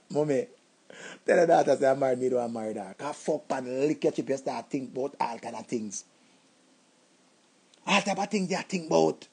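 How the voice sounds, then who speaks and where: Gravelly, husky Jamaican man telling stories. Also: medium pitch, moderate pace, pauses often. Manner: animated, acts out voices, shouts and laughs. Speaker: comedic storyteller. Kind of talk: comic storytelling.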